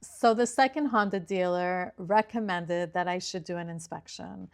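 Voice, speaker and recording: A woman's voice: fairly low pitch, steady tone, moderate pace, creaky. Woman vlogger telling a car story. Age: middle-aged. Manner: emotional, retelling with quoted dialogue. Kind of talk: casual storytelling. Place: inside a parked car during a storm.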